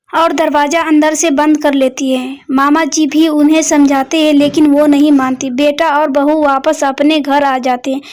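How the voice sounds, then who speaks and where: A woman reading a scripted family story as narrator, in a flat, even manner. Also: sits high.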